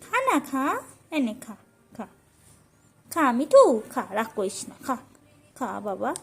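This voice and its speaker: Woman, high lilting voice, coaxing pet owner, pleading baby talk. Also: big pitch swings, slow, breathy edge, soft background music.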